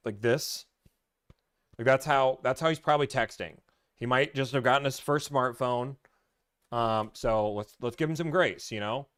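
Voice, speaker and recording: A man's voice: mid-range voice, fairly bright tone, clean tone. A man hosting a casual live stream, rambling, teasing and answering comments from chat.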